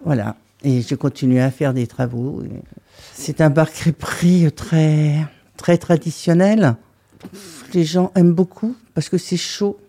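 A woman's voice: deep voice, a little slow, warm tone. A woman in her seventies from the Breton coast, a crêperie owner answering interview questions in short, plain replies. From Brittany coast, France. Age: 70s. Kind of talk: radio interview.

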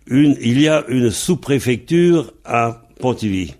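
A man teaching a grammar lesson, pausing on fillers and spelling words out letter by letter. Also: medium pitch, lively intonation, a little mellow. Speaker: Breton language teacher. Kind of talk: slow explanatory grammar lesson.

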